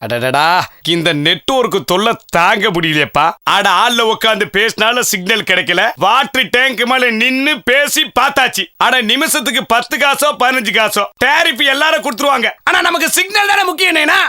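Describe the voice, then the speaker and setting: Bright high-voiced grumbling man. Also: fairly quick, few pauses. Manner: exasperated, grumbling, bursts into shouts. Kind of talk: comic radio ad monologue.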